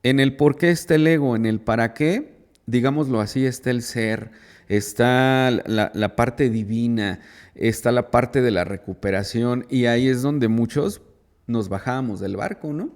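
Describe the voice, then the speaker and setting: A man gives an informal talk as a psychologist, at a mid-range pitch. He keeps restarting phrases and stressing his point with rising rhetorical questions, checking in with his listeners as he goes. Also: unhurried. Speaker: psychologist giving a radio talk. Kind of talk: informal lecture to a recovery group.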